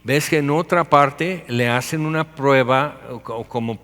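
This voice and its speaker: A man with a Mexican Spanish accent preaching a conversational sermon, chatty, full of quick asides and acted-out quotes. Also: mid-range voice, fairly bright tone. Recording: long hall reverb.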